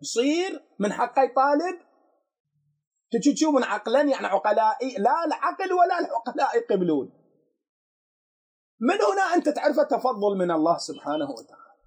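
A man with an Iraqi accent teaches a religious law lesson in a very high voice. His tone is husky and breathy. He keeps putting questions to his listeners and then answering them himself. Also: very animated, fairly quick, pauses often. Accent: Iraqi Arabic.

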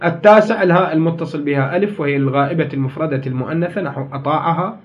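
A man with an Iraqi Arabic accent teaching a grammar lesson in a high-pitched voice. He goes through each point step by step and repeats the key words. He stops to quiz his class. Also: very fast, lo-fi sound.

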